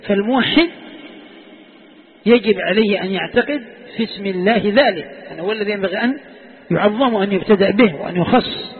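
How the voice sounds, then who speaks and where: A man's voice: high-pitched, slightly rough. A man teaching a classical exegesis text, repeating key phrases and quizzing his students with questions. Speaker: sheikh teaching Quranic exegesis. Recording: tinny phone-like sound in a long-reverb hall.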